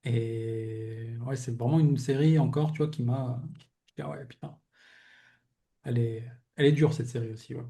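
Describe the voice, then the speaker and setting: A man's voice: mid-range voice, fairly even intonation, normal speed, creaky, dark tone. A young adult man hosting a podcast, talking in a casual, reflective way as he shares personal thoughts with a guest, rambling and often restarting his sentences. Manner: reflective, rambling, fills with "tu vois". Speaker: podcast host interviewing a guest. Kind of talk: casual heartfelt conversation.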